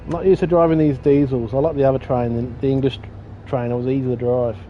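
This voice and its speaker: A man talks fast in a steady, mid-range voice, with faint music behind him, as he plays a train driving game. The gaming streamer rambles, makes fun of himself and swears mildly, and the lo-fi audio is dull with faint game noise.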